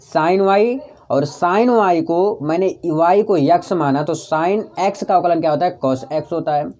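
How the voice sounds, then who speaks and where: A man with a mellow, somewhat high voice gives a chalk-and-talk maths tutorial. He coaxes his students along, going over each step again to drive it home and posing rhetorical questions that he then answers himself.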